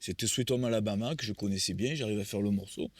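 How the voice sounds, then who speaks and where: Speaking quickly in a lowish voice with no room sound, a man in his sixties shares stories as a guest musician. The interview is conversational, and his telling wanders, restarting again and again.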